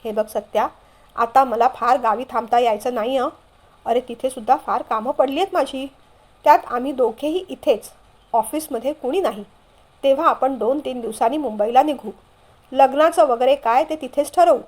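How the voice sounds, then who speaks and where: A woman's voice: high voice, moderate pace, a little mellow. Brief: a woman reading a firm, caring family patriarch.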